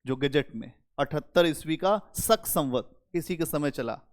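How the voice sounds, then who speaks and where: A male history teacher giving a lively, conversational classroom lecture and talking straight to his students. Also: on the high side, a little slow. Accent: Hindi-speaking North Indian. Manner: animated, conversational, addresses students directly.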